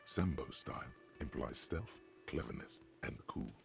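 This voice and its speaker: A man's voice: extremely low pitch, unhurried, gravelly, faint music behind, voice pushed down, heavily acted. A man voicing a wry, knowing inner skill voice in a video game, lecturing in a narrating tone.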